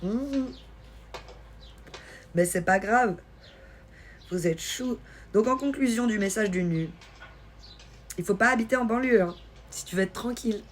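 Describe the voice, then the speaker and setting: Chatty Swiss woman hosting a live stream. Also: medium pitch. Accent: light Swiss French. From Switzerland. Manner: chatty, teasing, quick asides to viewers. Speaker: livestream host. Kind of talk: casual live-stream chat reading comments.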